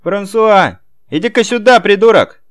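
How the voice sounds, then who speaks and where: A man's voice: very animated, slow, a little mellow, clear, resonant tone, no room sound, full character voice. A man voicing a spoiled, sadistic rich young man who screeches insults and orders. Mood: shrieking. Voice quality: shrill, screeching.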